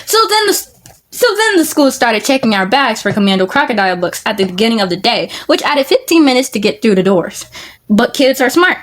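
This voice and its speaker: A woman vlogger reads a book aloud in a relaxed, homemade way. Her voice sits slightly high, and she often stumbles and restarts words mid-sentence. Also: brisk. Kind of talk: casual read-aloud of a book.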